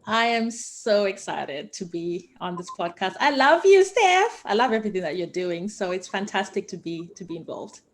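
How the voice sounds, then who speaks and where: A woman from Zimbabwe, founder of an investing education company, is a guest in a casual interview, talking enthusiastically and passionately with many fillers. Her medium-pitched voice is very animated, at normal speed with few pauses.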